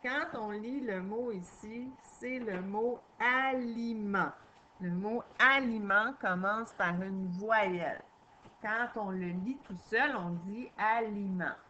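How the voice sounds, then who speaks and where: A woman's voice: mid-range voice, slow, sharp tone, dull audio, slight background noise. A woman teacher, patiently taking young children through a reading lesson and spelling out sounds.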